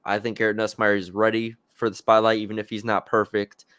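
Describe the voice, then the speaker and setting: A man's voice: fairly low pitch, completely flat delivery, fairly quick, a bit bright, no echo. A man co-hosting a sports podcast, chatting casually about football picks with fillers and restarts. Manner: conversational, hesitant with fillers and restarts.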